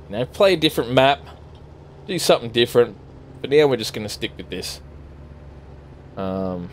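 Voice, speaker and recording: Slight background noise sits under this fairly low-pitched man's voice. An Australian gaming streamer, he rambles casually and swears freely, giving let's-play commentary to viewers as he drives in a farming game.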